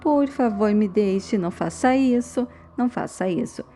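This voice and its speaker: A woman's voice: mid-range voice, animated, normal speed, mellow, a little hiss or hum, lightly acted. A woman voicing a grieving father in a soap recap, pained and pleading. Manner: pained, begging.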